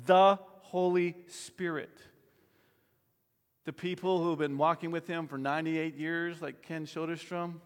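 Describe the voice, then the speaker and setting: Animated pastor preaching in a hall. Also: male voice, fairly high pitch. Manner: animated, laughs often, emphatic preaching. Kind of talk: sermon.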